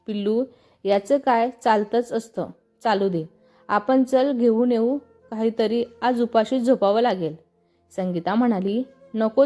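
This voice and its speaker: A woman reading a family story aloud, giving the narration and every character's lines in the same even storytelling voice. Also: on the high side.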